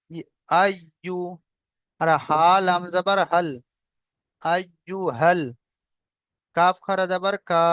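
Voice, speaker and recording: A man teaching Quran reading, chanting verses slowly and then spelling out each letter and vowel mark. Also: high voice, a bit bright, smooth, no room sound, muffled recording.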